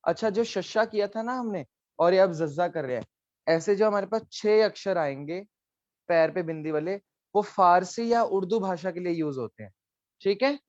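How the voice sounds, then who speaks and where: A man's voice: high voice, normal speed, no echo, muffled recording. A man teaching a live online class, explaining letters patiently and coaxing students, dropping in English phrases.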